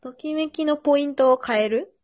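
A podcast host, this woman leads a casual conversation and gives advice in polite, tentative, reflective phrasing. Her voice is high-pitched, a little mellow and a little fast. The lo-fi audio is slightly dull but has no echo.

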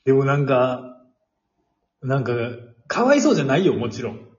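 Male podcast co-host, Kansai accent, mid pitch, lively intonation, colloquial comic retorts, roomy lo-fi sound. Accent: Kansai Japanese. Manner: quick interjections and retorts, colloquial. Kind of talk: casual comic banter. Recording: roomy, echoey, dull lo-fi audio.

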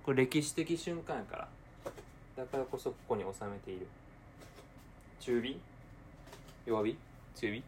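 A young man with a Kansai accent talking casually to himself while cooking, swinging between quiet mumbling and excited outbursts. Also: mid-range voice, measured pace, long pauses, slight background noise. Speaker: podcaster.

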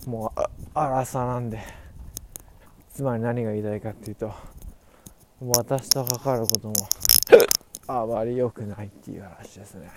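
A man of twenty-five, very drunk, rambling haltingly through a casual solo podcast, repeating and restarting his words. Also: mid-range voice, fairly even intonation, darkish tone. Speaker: podcast host. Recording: clearly noisy recording with clicks.

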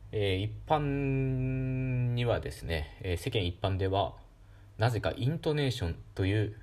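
A man hosting a solo educational talk show, explaining calmly with many fillers. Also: low voice. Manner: calm, explanatory, with frequent fillers. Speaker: podcast host.

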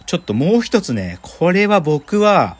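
A man's voice: high-pitched, sing-song, unhurried, slightly rough. A man hosting a radio show in casual chat, rambling and colloquial with plenty of fillers. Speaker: radio host.

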